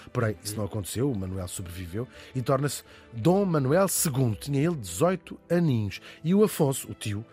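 A man with a European Portuguese accent tells a history story at a brisk clip, chatty and full of playful asides. His voice sits at an ordinary pitch. Faint music plays beneath him. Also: husky. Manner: lively, chatty, jokey asides. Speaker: podcast host.

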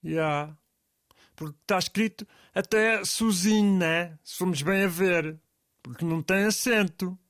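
A man's voice: high voice, unhurried, fairly bright tone, no room sound, studio quality. A man with a European Portuguese accent in comic scripted banter, asking puzzled questions and giving in easily.

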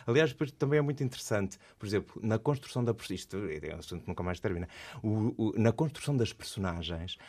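Lowish-voiced Portuguese man explaining. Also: animated, fast talker, a little mellow. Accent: European Portuguese. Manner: explanatory, teacherly. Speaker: guest voice coach and singer. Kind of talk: radio interview.

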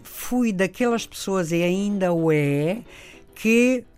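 An older woman from Italy with an Italian accent, telling stories as a radio interview guest in an animated, expansive way. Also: medium pitch, slow, smooth.

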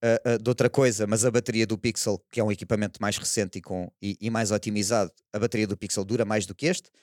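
Lowish-voiced Portuguese man, hesitant podcast talk. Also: level tone, fast talker, a little mellow, no echo, clean studio sound. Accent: European Portuguese. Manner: hesitant, meandering, tag questions. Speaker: podcast panelist. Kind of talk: casual chat.

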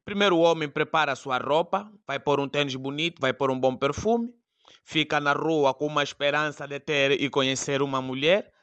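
A man's voice: on the high side, moderate pace, fairly bright tone, clean tone, muffled recording. A man with an Angolan Portuguese accent hosting a comedy segment, telling a playful monologue with repetition for effect. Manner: playful preacher-like storytelling with repetitions. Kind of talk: comic monologue.

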